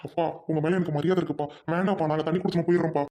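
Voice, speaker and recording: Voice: mid-range voice, steady tone, mellow, lightly acted. A performer playing a young husband who angrily defends his wife against his mother and threatens to leave home. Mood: angry. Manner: heated, rapid protests.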